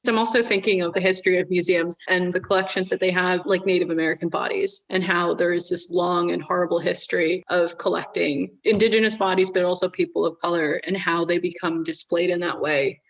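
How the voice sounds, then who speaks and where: A woman hosting an interview, speaking in a measured, reflective way. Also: lowish voice, fairly even intonation. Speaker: podcast host. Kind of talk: interview conversation. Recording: dull lo-fi sound.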